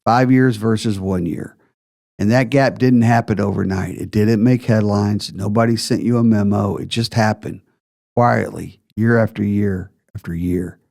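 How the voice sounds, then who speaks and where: A man's voice: lowish voice, steady tone, normal speed, creaky, a little mellow. A man hosting a retirement planning podcast, explaining figures step by step with emphasis.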